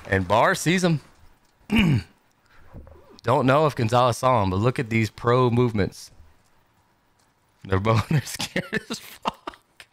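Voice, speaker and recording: A man giving live, rowdy commentary on a friends' game match over voice chat. His pitch leaps all over and he speaks slowly between bursts of laughter and cheering. He sounds like he is on a headset mic. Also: big pitch swings. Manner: laughs constantly, hypes and cheers loudly.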